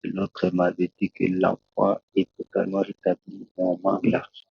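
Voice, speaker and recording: A Congolese preacher, a man, tells his testimony in an interview, slowly and haltingly, with many restarts. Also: low voice, completely flat delivery, gravelly, a little hiss or hum. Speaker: preacher, guest. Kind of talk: testimony in a talk show interview. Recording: dull, lo-fi dry sound.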